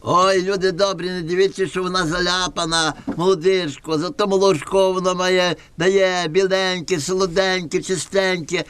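A man's voice: high voice, flat delivery, moderate pace, few pauses, fairly bright tone, slight background noise. A man voicing a pleading, exclaiming village peddler with a Galician western Ukrainian accent in a folk puppet play. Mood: wheedling. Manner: exclaiming, folksy, appealing to the crowd. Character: pleading, wheedling village peddler trying to sell his goat. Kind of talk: folk puppet theatre performance.

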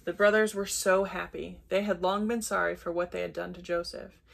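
A woman reading a children's Bible story aloud at bedtime, gentle and unhurried, with brief self-corrections. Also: on the low side, steady tone, creaky, a little hiss or hum.

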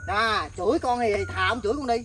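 Mekong Delta woman for a comedy skit: argumentative and stubborn, quick and a bit high, outdoors with clear noise behind. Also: expressive. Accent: Southern Vietnamese, Mekong Delta. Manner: defiant, argumentative, stammering restarts. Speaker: comedy skit actor playing a stubborn grown child. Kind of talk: comic family skit. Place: outdoors in a fruit orchard.

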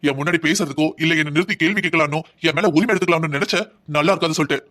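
A man's voice: fairly high pitch, rapid-fire, bright, forceful tone. A young man voicing a stubborn, resentful husband in a cartoon drama, speaking harshly and defiantly. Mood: contemptuous.

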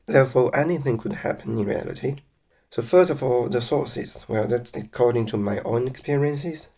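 A native Chinese speaker from mainland China, this man narrates slides on legal procedure with a Chinese accent. His mid-range voice is mellow, and he speaks carefully and measuredly, restarting a few times.

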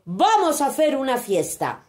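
A woman's voice: high-pitched, wildly swooping pitch, a little slow, a little mellow, echoey room, voice pushed up, full character voice. A woman from voicing a defiant, bossy little boy in a storybook reading. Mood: commanding. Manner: bossy, spirited. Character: defiant little boy who becomes king of the monsters.

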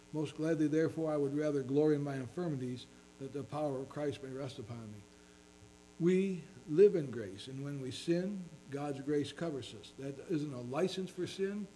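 Earnest male pastor preaching, mellow voice. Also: fairly high pitch, moderate pace, slight background noise, rough recording. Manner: reads scripture in King James wording, earnest preaching. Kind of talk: sermon.

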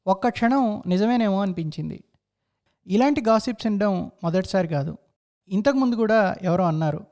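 A man's voice: high-pitched, normal speed, darkish tone. A man narrating a first-person story in a reflective, introspective way.

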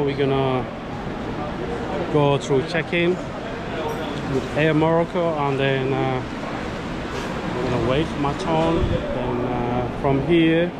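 A man's voice: medium pitch, fairly even intonation, a little slow, long pauses. A man in his thirties with a West African accent, chatting casually as a travel vlogger in a busy airport hall. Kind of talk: casual vlog chat to camera and at check-in. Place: large busy airport departure hall, indoors. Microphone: camera held at arm's length. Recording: loud airport terminal background noise.

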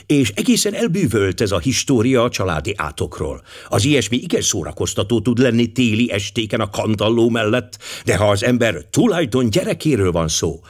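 A man's voice: lowish voice, husky. A man voicing a worried American mother, speaking earnestly and pleadingly. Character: anxious American mother, middle-aged woman.

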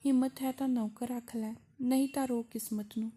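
A woman voicing an arrogant, quick-tempered young woman who scolds the animals and things that ask her for help. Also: fairly high pitch, steady tone, dark tone, breathy edge. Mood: scornful. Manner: scornful, snapping. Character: haughty, furious young woman Sund, boastful.

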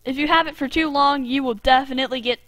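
A young woman giving casual, excitable commentary while playing a video game with friends, often yelping and laughing. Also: high-pitched, fast, no echo. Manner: excitable, frequent yelps and laughs. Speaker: gamer host.

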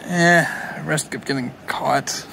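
A man's voice: a little high, fairly even intonation, slow pace, vocal fry, bright, forceful tone, a little hiss or hum. A man casually narrating a vlog from a kayak on a river, rambling with restarts and fillers. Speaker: vlogger. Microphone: handheld camera.

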